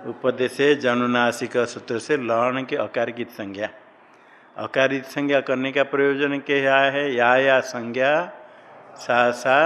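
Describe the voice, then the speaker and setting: शिक्षक पुरुष, गूंजते हॉल में व्याख्यान. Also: male voice, mid-range voice, fairly bright tone. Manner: explains by asking and answering his own questions, has students recite. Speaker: Sanskrit grammar teacher. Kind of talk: classroom lecture. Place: classroom with students. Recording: long hall reverb.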